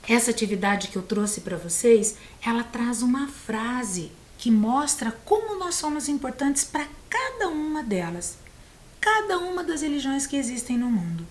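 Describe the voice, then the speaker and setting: A Brazilian woman teacher giving a video lesson to young children, patient and encouraging, sounding out words slowly. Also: fairly high pitch, expressive. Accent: Brazilian Portuguese. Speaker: primary school teacher. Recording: echoey room.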